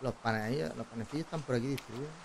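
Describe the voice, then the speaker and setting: Chatty Spanish gamer, game ambience behind. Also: male voice, medium pitch, rapid-fire, creaky, slight background noise, low-quality recording. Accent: Spanish from Spain. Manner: chatty, playful, muttering to himself. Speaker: gaming video host. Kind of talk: casual gameplay commentary, reading dialogue aloud. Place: indoor streaming setup. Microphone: close desk boom microphone.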